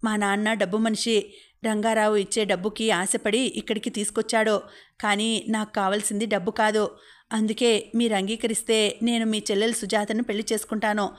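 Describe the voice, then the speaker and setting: A woman's voice: medium pitch, little pitch movement, normal speed, lightly acted. A woman reading as an earnest young groom. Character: young man, sincere, soft-spoken groom.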